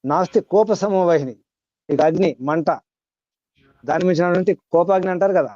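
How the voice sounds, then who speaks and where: A man's voice: high voice, moderate pace, dark tone, no room sound, lo-fi sound. Man teaching, quizzing his listeners. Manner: repetitive, quizzing listeners, chanting Sanskrit verses. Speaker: spiritual teacher. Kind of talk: spiritual discourse to a class.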